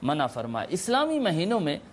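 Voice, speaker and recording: A religious scholar giving a measured, explanatory talk as a guest on a live TV show, reciting Arabic quotations. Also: male voice, fairly high pitch, wildly swooping pitch, a little hiss or hum. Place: remote link from abroad.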